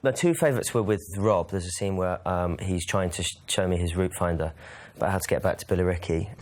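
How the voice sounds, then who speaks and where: A man, an actor, chatting in a relaxed way about his favourite scenes. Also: sits low, fast. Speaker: actor interviewed. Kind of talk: casual behind-the-scenes interview.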